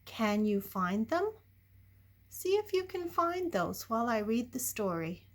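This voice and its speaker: Her fairly high voice is very animated and a little slow as this older woman reads a picture book to young listeners. The performance is playful and dramatic, peppered with questions and moving between whispers and loud exclamations.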